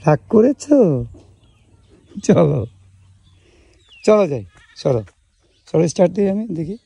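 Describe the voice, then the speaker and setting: A man chats playfully with his daughters. His voice sits fairly high yet sounds dark and mellow, with a heavy gravelly fry and a husky edge. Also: expressive, a little slow, no echo. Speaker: father and vlogger. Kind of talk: casual family vlog.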